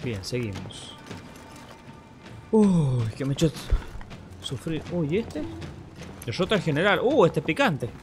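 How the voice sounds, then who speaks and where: A man hosting a gaming channel, giving excitable play-by-play commentary and repeating short exclamations over and over. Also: a little high, measured pace, pauses often, music in the background. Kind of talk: live gameplay commentary.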